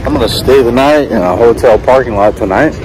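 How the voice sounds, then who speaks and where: This middle-aged vlogger from California talks casually to camera with an American accent, plainly and repetitively explaining things from his camper van and parking lots. His voice is mid-range and a little fast. It's a noisy handheld recording on a phone at arm's length, full of vehicle and outdoor ambience.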